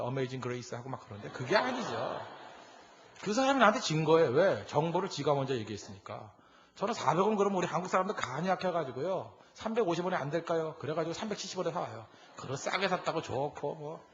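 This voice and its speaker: A man's voice: on the high side, highs cut off. A man preaching a sermon as a pastor, telling stories animatedly and acting out dialogue. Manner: animated storytelling with acted-out dialogue.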